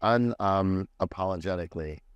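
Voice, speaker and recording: Easygoing low-voiced male podcast host. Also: moderate pace, clear, resonant tone, no echo, lo-fi sound. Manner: easygoing, agreeable, backchannels often. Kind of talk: casual interview chat.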